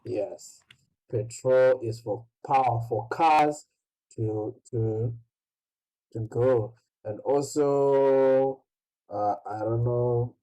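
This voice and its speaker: A man teaching an online English lesson, slow and patient, asking "right?" after nearly every phrase. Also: mid-range voice, warm tone, rough recording. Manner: slow, repeats "right?" constantly.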